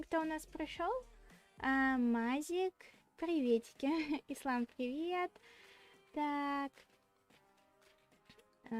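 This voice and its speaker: A woman with a very high, cute anime-streamer voice chats casually to her viewers. She takes her time at an unhurried, slow pace and comes across as girlish, giggly and a little shy. Music plays clearly behind her. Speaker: VTuber streamer hosting a redebut stream. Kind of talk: casual livestream chat with viewers.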